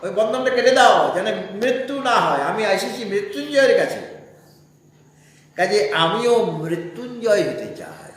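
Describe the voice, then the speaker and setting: Male scripture teacher, high voice, patient rhetorical questioning, heavy hall echo. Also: very animated, a bit bright. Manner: explains slowly, asks listeners rhetorical questions. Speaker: Vedanta teacher. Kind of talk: scripture class discourse. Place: spiritual society hall.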